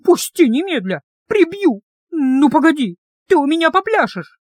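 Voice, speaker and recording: A woman voicing a hot-tempered young female captive who shouts indignant threats in a raised, shrill voice. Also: expressive, a little fast, no echo, clean studio sound, lightly acted. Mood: furious.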